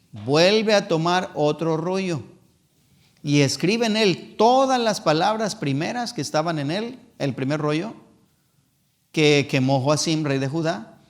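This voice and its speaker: A man preaching a sermon as an evangelist in a church, reading scripture slowly and acting out excuses in a raised voice. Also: fairly high pitch. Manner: reads scripture slowly and deliberately.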